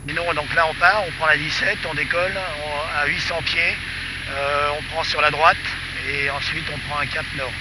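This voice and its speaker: A man's voice: fairly high pitch, fairly even intonation, normal speed. A male pilot talking through checks casually in a light aircraft, heard over a pilot headset. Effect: pilot headset intercom. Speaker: pilot being familiarised with the aircraft. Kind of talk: casual checklist talk while flying. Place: small light aircraft cockpit in flight. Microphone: aviation headset. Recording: headset intercom, very loud engine noise.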